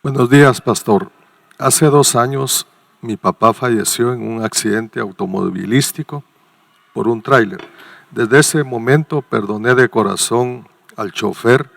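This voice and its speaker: A man reads a listener's letter aloud on the radio at a middle pitch. His voice is gravelly with plenty of fry, and his delivery is plain and measured. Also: fairly bright tone. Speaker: reader of listener messages.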